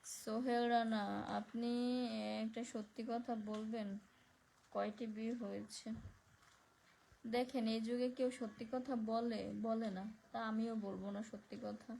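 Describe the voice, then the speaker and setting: A woman with a Barishal Bengali accent hosting a casual phone live stream, speaking softly because of neck pain as she reads out viewer comments and thanks people by name. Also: fairly high pitch, little pitch movement, measured pace, vocal fry, pauses often, a little hiss or hum, low-quality recording.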